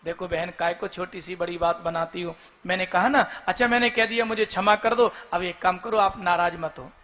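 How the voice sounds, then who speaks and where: A man's voice: high voice, normal speed, natural voice. A man doing a young princess with a short fuse. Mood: coaxing. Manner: coaxing and apologetic. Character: young princess, placating then quick-tempered. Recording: dull lo-fi recording, faint music.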